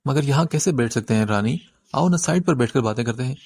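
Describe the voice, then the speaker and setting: A man's voice: medium pitch, lively intonation, a little mellow, dry recording. A man reading an audiobook voices a young male street thug who wheedles and then whispers in fright. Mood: wheedling, nervous. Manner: wheedling, nervous whispers to his friend.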